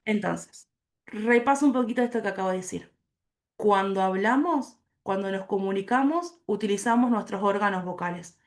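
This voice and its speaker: A woman, a teacher giving an online class lecture, explaining slowly and asking the class questions, on a video call. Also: medium pitch.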